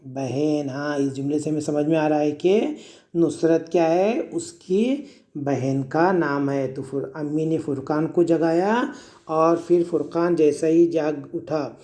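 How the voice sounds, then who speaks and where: A man's voice: a little high, slow, mellow. A man teaching first graders to read, sounding out each word letter by letter with patience and answering his own questions. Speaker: primary school Urdu teacher. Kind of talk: reading lesson for young children.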